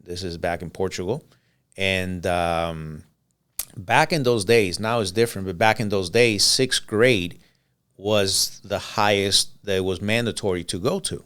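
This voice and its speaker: A middle-aged man born in Cuba whose first language is Spanish, telling his life story as a podcast guest in a relaxed, rambling way with many "uh"s and "um"s. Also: low-pitched, measured pace, clear, resonant tone. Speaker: podcast guest, business owner. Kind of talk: casual interview storytelling.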